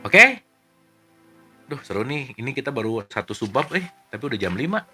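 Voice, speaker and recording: A man leading a relaxed online book study, reading passages aloud and then explaining them in a chatty, joking way while checking in with his listeners. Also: mid-range voice, normal speed, soft background music. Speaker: study group leader. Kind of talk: casual book study talk.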